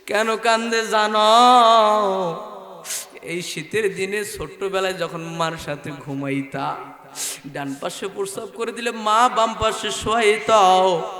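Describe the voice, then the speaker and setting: A man's voice: high voice, fairly bright tone. A man preaching a sermon to a gathering, pleading in a half-sung style and calling out to the crowd. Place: outdoor religious gathering at a school ground. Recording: echoey long reverb, faint music.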